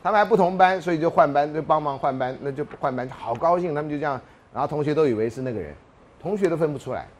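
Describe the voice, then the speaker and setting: A man's voice: fairly high pitch, quick pace. A man lecturing a university class, telling jokes and anecdotes and often laughing mid-sentence.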